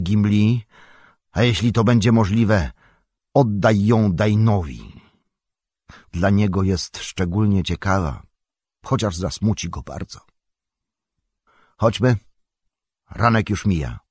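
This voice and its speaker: A man's voice: on the low side, darkish tone, no room sound, clean studio sound. A man voicing an old wizard leader who gives solemn, urgent commands in an audiobook reading.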